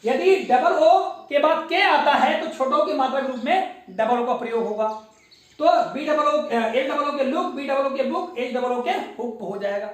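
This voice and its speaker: A woman's voice: high-pitched, moderate pace. A woman teacher giving a classroom spelling lesson, spelling words out letter by letter and quizzing her pupils. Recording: very echoey room, mic far off.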